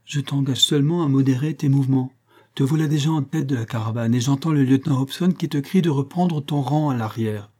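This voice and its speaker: A man's voice: medium pitch, fairly quick, lightly acted. A man voicing a small, anxious wife who scolds and warns her reckless husband in a storybook reading. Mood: reproachful. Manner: sharp warnings, fretful insistence.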